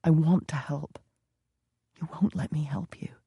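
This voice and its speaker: A man voicing a gentle, patient British husband who speaks quietly and soothingly. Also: a little high, steady tone, unhurried, creaky, husky, no room sound, clean studio sound, full character voice.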